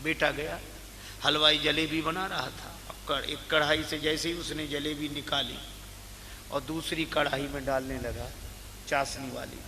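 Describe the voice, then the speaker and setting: A man gives a devotional sermon in a very bright, ringing voice pitched a little high. He tells parables and briefly acts out the characters. The voice rings through a reverberant hall over faint background noise. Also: level tone, unhurried. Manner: acts out characters in his stories.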